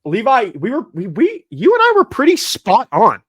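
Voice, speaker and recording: A man hosting a casual sports podcast, joking and excitable, rattling off long lists. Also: extremely high pitch, normal speed, slightly rough, no echo, clean studio sound. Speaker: podcast host.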